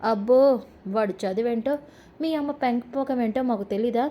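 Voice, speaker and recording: A woman voicing an angry, domineering middle-aged mother-in-law who scolds and insults loudly. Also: fairly high pitch, moderate pace, a little hiss or hum, natural voice. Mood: scolding.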